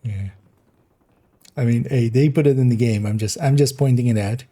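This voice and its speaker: A man gives loose, rambling commentary while he plays a game. His voice is mellow and soft-edged, and he giggles and restarts his sentences often. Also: mid-range voice, moderate pace. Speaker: game streamer. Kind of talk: casual gameplay commentary.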